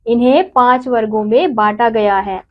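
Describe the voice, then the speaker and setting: A woman teacher giving a grammar lesson to children, slowly spelling out each syllable and example word. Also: on the high side. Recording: dull lo-fi recording.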